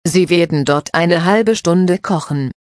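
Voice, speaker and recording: Woman reads calm mother figure, slow and instructive, lowish voice. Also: no room sound, studio quality, natural voice. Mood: patient. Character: patient mother explaining cooking to her children.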